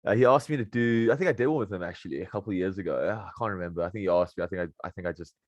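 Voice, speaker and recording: A man's voice: low voice, very fast, dry recording, dull audio. A young South African man chatting casually as an interview guest, with a slangy, matey way of talking. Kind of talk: casual chat.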